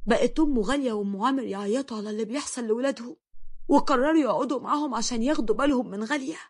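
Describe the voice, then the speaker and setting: Egyptian woman narrator, high voice, dramatic tale. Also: very fast, darkish tone, breathy edge. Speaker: storyteller.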